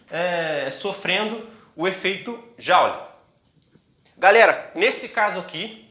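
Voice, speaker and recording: A Brazilian-accented man explains things to his viewers in a casual video lesson. His voice sits high and sounds sharp and bright, and he talks in a chatty way with many fillers and restarts. The recording has an echoey room sound. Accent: Brazilian Portuguese.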